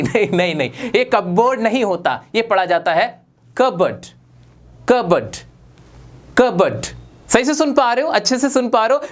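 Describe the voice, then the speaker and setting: A man teaching English pronunciation to viewers, over-articulating each word and repeating it, quizzing his listeners. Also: high voice. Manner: over-articulates words with a wide-open mouth. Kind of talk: spoken lesson to viewers.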